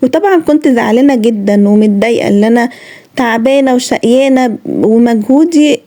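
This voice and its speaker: This young woman vlogger has a slightly high, mellow voice and talks fairly quickly with an Egyptian accent. Addressing her viewers sincerely on camera, she chides and lectures them directly.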